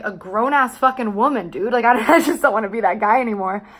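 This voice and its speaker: A woman's voice: mid-range voice, fairly bright tone. A woman of twenty-seven talking candidly and casually to camera as a vlogger, in a confessional, rambling way with plenty of swearing.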